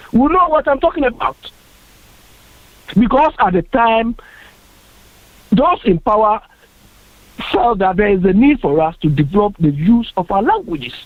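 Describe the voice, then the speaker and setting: A Ghanaian man, a guest on a radio panel discussion, argues his case earnestly and emphatically, often repeating himself. His voice is high-pitched, and the recording is dry and tinny like phone-line radio, with no room sound.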